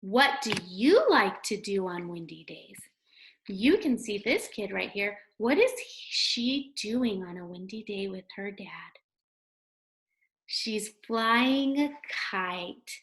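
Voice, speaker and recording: Taking it slowly, a woman teacher with an expressive, mid-range, slightly bright voice reads aloud to young children at home. Her talk is simple and child-directed, full of questions and sounded-out letters.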